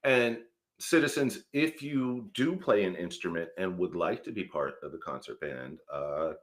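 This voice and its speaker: Wry low-voiced New co-host, man. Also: animated, normal speed. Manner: wry, joking asides, earnest civic appeals. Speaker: radio show co-host. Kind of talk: casual morning show chat.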